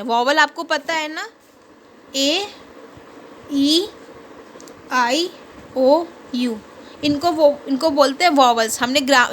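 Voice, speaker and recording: A woman's voice: high-pitched, fairly bright tone, slight background noise. A woman teaching an English lesson in Hindi, patiently asking questions and answering them herself, spelling words out letter by letter. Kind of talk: classroom lesson explaining a worksheet.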